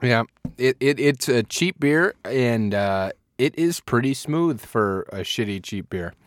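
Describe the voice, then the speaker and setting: A man's voice: mid-range voice, expressive, unhurried, dry recording. A man with a Wisconsin accent chatting casually and a bit crudely as a podcast co-host reviewing beer, in a rambling way.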